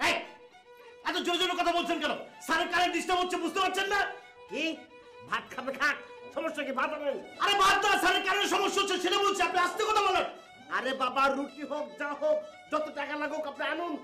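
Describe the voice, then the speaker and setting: An actress playing a bossy female assistant in a comic TV drama, scolding people to speak quietly. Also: high voice, fast talker, roomy sound, soft background music. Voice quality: scolding, insistent.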